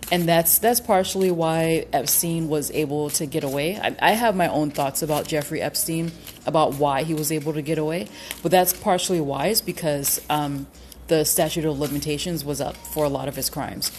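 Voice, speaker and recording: A woman giving a casual tarot reading to her viewers, halting and cautious, with many fillers and restarts. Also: deep voice, darkish tone, slight background noise. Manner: cautious, hedging with repeated qualifiers. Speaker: tarot reader.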